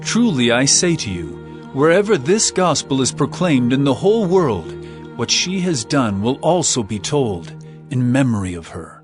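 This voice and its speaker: An actor playing Jesus as a calm, authoritative male teacher, speaking in an earnest, measured way. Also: mid-range voice, natural voice. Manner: earnest, measured scripture delivery. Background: music score.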